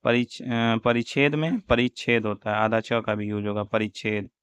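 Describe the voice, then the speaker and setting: A man teaching Hindi spelling for an exam, slowly reciting wrong and correct forms one after another. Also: fairly low pitch, flat delivery, a bit bright, clear, resonant tone, no echo. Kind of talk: exam-prep spelling lesson. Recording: dull, dry lo-fi audio.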